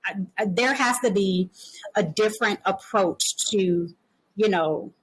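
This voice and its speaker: A woman speaking hosts a casual panel chat at a middle pitch. She tells her stories loosely, full of "you know" and "like". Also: measured pace, slightly rough, rough recording. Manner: conversational storytelling with frequent "you know" and "like". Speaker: podcast host.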